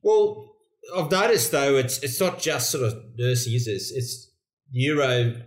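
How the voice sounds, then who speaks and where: A man's voice: medium pitch, animated, a little slow, roomy sound. Australian man hosting a chatty podcast. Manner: friendly, chatty, bantering. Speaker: podcast host. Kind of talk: casual interview chat.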